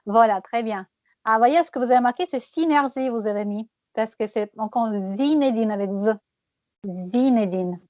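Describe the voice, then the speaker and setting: A woman teaching French pronunciation one-on-one, patiently repeating words slowly and laughing often. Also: a little high, darkish tone, no echo, lo-fi sound.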